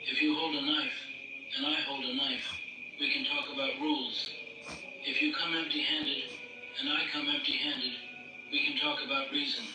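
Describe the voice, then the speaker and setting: A man delivering a scripted monologue in a measured, solemn, declarative way. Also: mid-range voice, level tone, over music. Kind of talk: scripted monologue on power and truth. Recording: echoey, distant, noisy playback.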